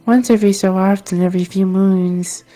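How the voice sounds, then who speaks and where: A woman's voice: medium pitch, fairly even intonation, moderate pace, mellow, voice pushed up, close to an everyday voice, low-quality recording. A woman voicing a small, eager girl child with a naive, hesitant, chatty manner in a tabletop game.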